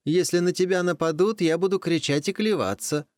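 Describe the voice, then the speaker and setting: A man voicing a small, boastful rooster in a folk tale, shrill and shouting. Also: a little fast, no echo, clean studio sound, lightly acted. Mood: pleading.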